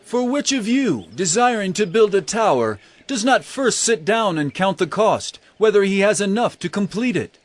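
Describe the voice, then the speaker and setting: An earnest, highly expressive Jesus. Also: male voice, moderate pace, few pauses, dry recording. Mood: solemn, challenging. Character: Jesus, an earnest male teacher telling parables. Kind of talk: audio drama Bible acting.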